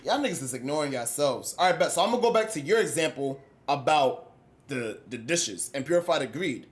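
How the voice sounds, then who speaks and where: A young man with a high-pitched voice riffs with his live chat in loose, slangy talk. He jumps between loud, excited bursts and low mumbles, and keeps circling back to his point. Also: a little fast. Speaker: livestreamer.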